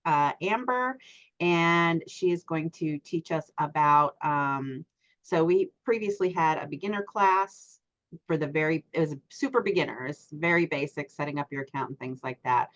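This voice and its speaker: A middle-aged woman hosting an online class over a group voice call, speaking haltingly with many ums and uhs. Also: deep voice, expressive. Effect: heard over an online group voice call. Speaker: class host. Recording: dull lo-fi call audio.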